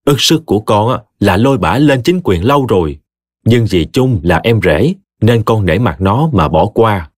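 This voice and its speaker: Man voicing a calm, dignified eldest son. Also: lowish voice, dry recording, studio quality. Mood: measured firm. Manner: respectful, measured.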